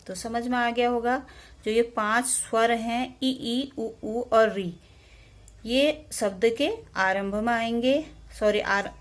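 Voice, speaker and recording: Slow, deliberate woman grammar teacher. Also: fairly high pitch, fairly even intonation. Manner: slow, deliberate explanation with self-corrections. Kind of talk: classroom grammar lesson.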